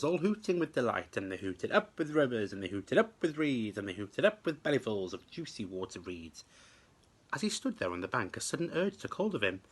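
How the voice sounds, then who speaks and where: A man reads a children's storybook aloud the way a teacher would to pupils, with expressive, emphatic and rhythmic delivery. His voice is medium-pitched and slightly rough.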